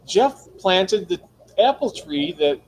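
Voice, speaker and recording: A man's voice: high voice, sing-song, slow, a little hiss or hum, poor audio. A man co-hosting a casual livestream, joking around, laughing often and reading chat comments aloud. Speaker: livestream co-host.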